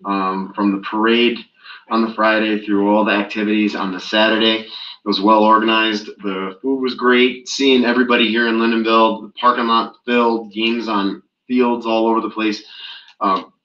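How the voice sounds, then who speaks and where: A man's voice: lowish voice, flat delivery, moderate pace, pushed and bright. A man on a school board enthusiastically thanking staff and coaches. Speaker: board member. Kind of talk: meeting remarks. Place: school library meeting room. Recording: echoey lo-fi meeting room.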